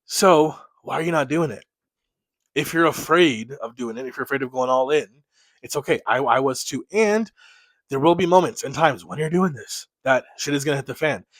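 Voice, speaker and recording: A man's voice: medium pitch, lively intonation, normal speed, fairly bright tone, no echo. A man with a nasal voice from a cold, giving a blunt, swear-filled motivational talk as an online business coach. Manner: blunt, swears freely, pep-talk energy. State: has a cold.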